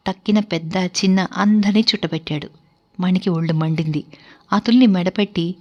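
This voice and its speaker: A woman narrating a novel as a storybook reading, expressive and acting out the characters. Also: on the low side. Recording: dull lo-fi recording.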